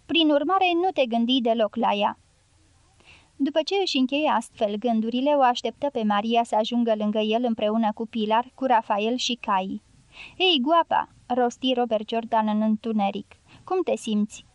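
A woman's voice: fairly high pitch, a little mellow, no echo, muffled recording. Woman narrating an audiobook, dry close sound. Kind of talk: scripted narration.

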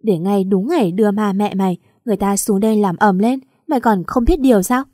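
A woman reading the part of a meddling, sharp-tongued middle-aged aunt with a harsh, pushy way of talking. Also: medium pitch, brisk, dry recording, clean studio sound, lightly acted.

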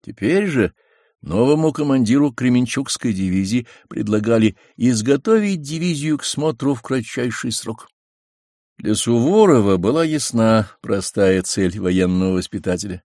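Male audiobook narrator, lowish voice, lively varied delivery, dry close studio sound. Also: no echo. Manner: measured, expressive reading.

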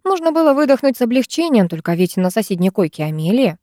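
A woman narrating a first-person novel as an audiobook, with a lively, expressive reading. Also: on the high side, fast talker, dry recording, clean studio sound.

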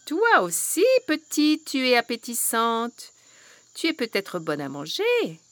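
A woman reading a storybook aloud, voicing a cruel, greedy old witch who snarls, shouts and barks orders. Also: on the high side, wildly swooping pitch, slow, no room sound, full character voice. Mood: gloating.

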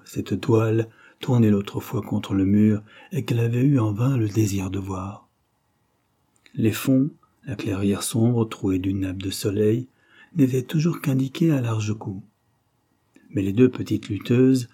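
A man narrating a classic novel in a measured, even manner. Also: on the low side, husky. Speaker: audiobook narrator. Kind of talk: scripted literary narration.

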